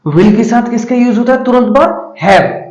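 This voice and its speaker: A man teaches a grammar class, asking questions and answering them himself. His pitch swings widely as he stresses words and slows down to dictate the example sentences. The sound carries a noticeable room echo. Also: animated, darkish tone, dull audio, faint music behind.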